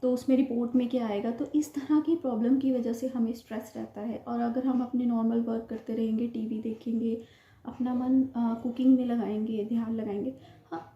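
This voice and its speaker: A young woman talks in a flat, level tone and repeats her advice earnestly, slightly short of breath. Her voice sits a little high but sounds very dark and mellow. The recording is roomy and lo-fi, as in a room at home. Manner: earnest, repetitive, instructive. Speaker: vlogger sharing her IVF experience. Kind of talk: casual advice talk to camera.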